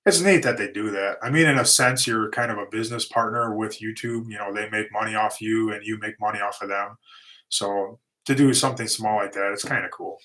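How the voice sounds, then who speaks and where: Pitched on the low side, his voice is fairly quick, pushed and bright, though it's clearly tiring. The middle-aged livestream host, who owns a lawn and concrete company, answers viewer questions in an easygoing, wandering manner peppered with fillers and restarts.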